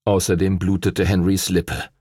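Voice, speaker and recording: A man narrating a children's adventure audiobook in an expressive, lively way. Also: low-pitched, measured pace, slightly rough, dry recording, studio quality. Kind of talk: scripted narration.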